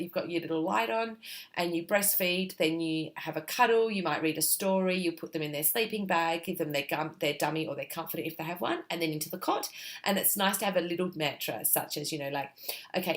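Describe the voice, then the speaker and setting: A woman explains baby sleep routines to camera. Her voice sits slightly low, and her manner is relaxed and reassuring, with frequent "okay?" check-ins. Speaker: parenting sleep consultant. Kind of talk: talking-to-camera advice video.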